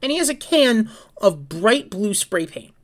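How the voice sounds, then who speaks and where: A woman's voice: mid-range voice, sing-song, unhurried. A woman vlogger chatting casually on her own and telling a story, rambling and informal, correcting herself as she goes. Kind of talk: casual solo chat and storytelling.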